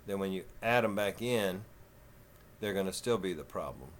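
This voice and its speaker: A man's voice: sits low, expressive, slight background noise. Folksy Texan man in his fifties. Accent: Texan southern twang. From Texas. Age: 50s. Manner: slow, folksy, rambling. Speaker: vlogger. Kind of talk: casual vlog talk.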